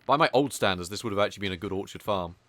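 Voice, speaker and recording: A man's voice: lowish voice, very fast, a bit bright, a little hiss or hum. A man giving rambling, casual live commentary while playing a video game, often poking fun at himself. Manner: casual, rambling, self-deprecating.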